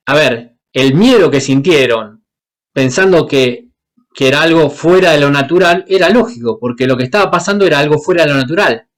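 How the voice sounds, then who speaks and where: A man's voice: a little high, a little fast. A man from Paraguay, preaching a sermon and asking the congregation questions as he acts out the Bible characters. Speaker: guest preacher.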